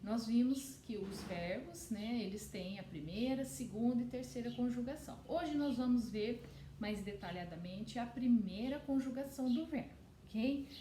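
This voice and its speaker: Lady teacher, kinda high voice, patient, explains things slow for kids, roomy echo. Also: dark tone, slight background noise. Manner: explains slowly to children, checks with "ok?". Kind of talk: online class lesson.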